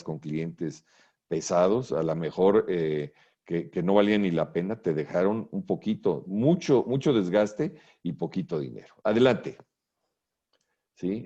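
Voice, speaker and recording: Low, husky man lecturing. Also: mellow, muffled recording. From Mexico. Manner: earnest motivational lecturing, addresses listener directly. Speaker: real estate speaker. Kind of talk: conference presentation.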